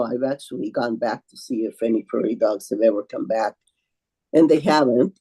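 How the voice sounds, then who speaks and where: An older woman speaks slowly over a video call. Her voice is dark and mellow, and she halts often, restarting her phrases and filling gaps with "um" and "uh". She sounds like an audience member posing a careful question at a seminar. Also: rumbling low, breathy edge, rough recording. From Venezuela. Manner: halting, with many fillers and restarts.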